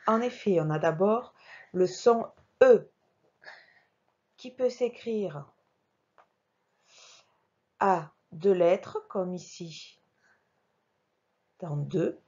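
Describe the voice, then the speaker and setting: Slow, careful woman teaching young children. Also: on the low side, darkish tone, slightly rough, highs cut off. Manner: slow, careful, articulating each sound; talks while working the mouse on screen. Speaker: primary school teacher. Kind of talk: remote reading lesson for young children.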